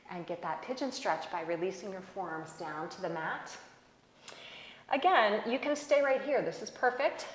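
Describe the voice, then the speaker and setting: A woman teaching a slow-flow yoga class, giving calm, encouraging cues and laughing off small mishaps. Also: mid-range voice, slight background noise. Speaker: yoga instructor. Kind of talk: guided yoga class instruction. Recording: echoey room with long reverb.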